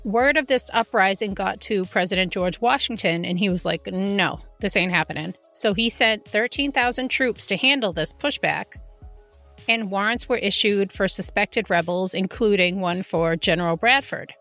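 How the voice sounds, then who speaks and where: A woman's voice: medium pitch, moderate pace, pushed and bright, soft background music. A woman hosting a podcast, telling history and ghost lore from notes in a conversational way with informal asides. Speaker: podcast host. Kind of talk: semi-scripted true haunting storytelling, conversational.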